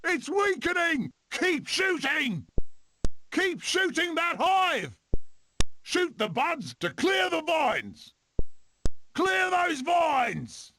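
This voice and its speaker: A man voicing an eccentric swashbuckling weasel adventurer in a cartoon game, with a gravelly voice and theatrical, manic delivery. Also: very high voice, very animated, drawn-out words, bright, forceful tone, slight background noise, exaggerated voice. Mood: battle frenzy.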